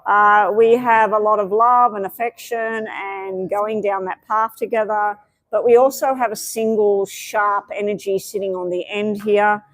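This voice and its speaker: A woman's voice: medium pitch, steady tone, measured pace, no room sound, rough recording. A woman giving tarot readings on a live stream, chatty and meandering, with many fillers. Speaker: tarot reader.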